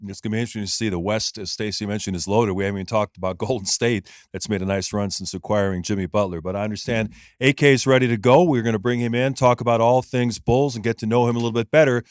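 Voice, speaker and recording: A man co-hosting a casual podcast interview, asking questions in a smooth, practiced delivery. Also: on the low side, steady tone, fast, few pauses, no room sound, studio quality. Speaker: podcast co-host.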